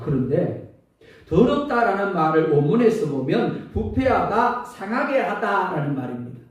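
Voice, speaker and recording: A male pastor preaching a sermon with an animated delivery, acting out everyday sayings, his throat a little sore. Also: high voice. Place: church sanctuary. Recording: echoey church hall from far off.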